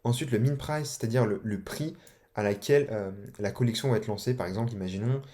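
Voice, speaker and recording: Casual man explaining, dark voice. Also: fairly low pitch, quick pace. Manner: colloquial, loose, many fillers and slang. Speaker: online course instructor.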